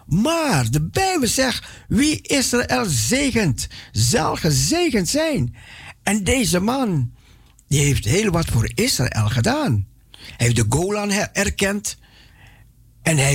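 Fervent preaching man with a gravelly voice. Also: high voice, no room sound, studio quality. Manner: impassioned, repetitive, many restarts and stumbles. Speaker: radio evangelist. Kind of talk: preaching on radio.

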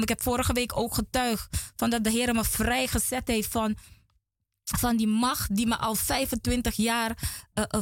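A woman's voice: a little high, dry recording. A woman guest in a small studio giving an emotional religious testimony, earnest and repeating words as she talks.

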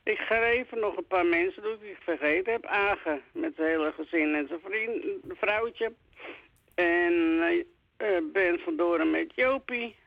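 A woman's voice: lowish voice, normal speed, gravelly, no echo. An older woman, chatting casually as a radio caller in a folksy, teasing way over the phone. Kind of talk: casual chat. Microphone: telephone. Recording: dull lo-fi phone line.

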